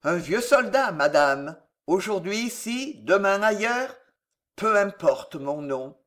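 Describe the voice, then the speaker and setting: A reader voicing an awkward, reticent old soldier in a storybook reading, speaking low and haltingly. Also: lively intonation, a bit bright. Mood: evasive.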